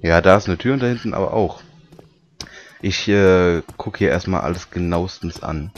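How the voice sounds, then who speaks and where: A man commenting on a horror game, joking and reading the English on-screen text aloud haltingly. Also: sits low, muffled recording. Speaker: let's play commentator. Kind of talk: casual gaming commentary.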